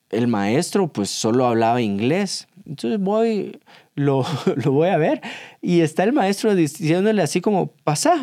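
A man co-hosts a relaxed faith-themed talk. He tells family stories in an animated way and acts out what each person said. The recording is dry and close. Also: a little high, gravelly, no room sound. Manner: animated storyteller, acts out quotes. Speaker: co-host, father. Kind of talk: casual chat with devotional reflection.

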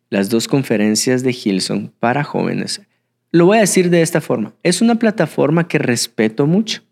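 A young man preaching a sermon, swinging between excited bursts and hushed, reflective passages. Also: mid-range voice. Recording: hall with long reverb.

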